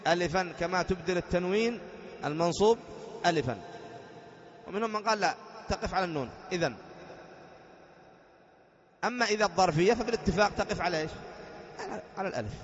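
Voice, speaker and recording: Sheikh teaching grammar, echoey lo-fi hall. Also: male voice, high-pitched. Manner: explains patiently, quizzing students with rhetorical questions; slow sing-song chant when reading the text aloud. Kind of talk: classroom lesson reading and explaining a grammar text. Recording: dull lo-fi lecture recording in a reverberant hall.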